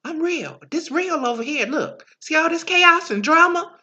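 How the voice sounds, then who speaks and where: A woman's voice: sits high, expressive, moderate pace, sharp tone, highs cut off, pitched above the performer's own voice. A woman voicing the mind as a slangy, mocking woman who coaxes and taunts the listener. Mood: taunting. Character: the mind personified, sassy coaxing woman, mocking.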